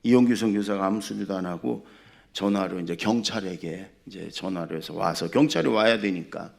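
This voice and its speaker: A male pastor preaching a sermon, swinging between loud exhortation and quiet storytelling. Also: low-pitched, a little fast, vocal fry. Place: church sanctuary.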